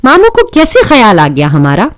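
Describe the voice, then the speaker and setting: A woman reading a novel aloud, voicing a lively, teasing teenage daughter who chats and pleads with her mother. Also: sits high, no echo, voice pushed up.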